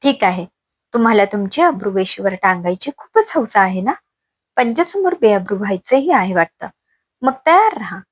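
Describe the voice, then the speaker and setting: A woman's voice: medium pitch, sing-song, slightly rough, no room sound. A woman voicing an arrogant young husband who hurls scornful accusations in a family story. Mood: sneering. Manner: sneering, rapid accusations.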